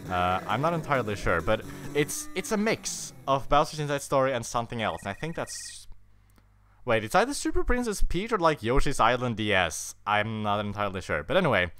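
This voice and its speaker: A man's voice: medium pitch, sing-song, brisk, sharp tone. A man giving casual, rambling commentary while playing a video game, chatty and full of fillers and self-corrections. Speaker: let's player. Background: game music.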